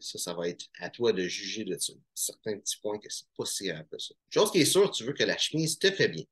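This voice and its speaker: A man's voice: fairly low pitch, fairly bright tone. A man from Quebec with a Québécois French accent, giving casual, informal tips on buying shirts to his viewers, with many fillers and restarts. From Quebec, Canada. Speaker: menswear style YouTuber. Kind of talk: casual instructional talk to camera.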